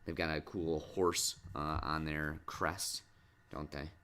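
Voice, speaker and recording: A middle-aged man with a very deep voice hosts a relaxed sports podcast alongside his child. His tone is bright and forward, and he patiently coaxes answers with one question after another. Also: slow pace. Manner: patient, coaxing, asks lots of questions. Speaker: podcast host and dad.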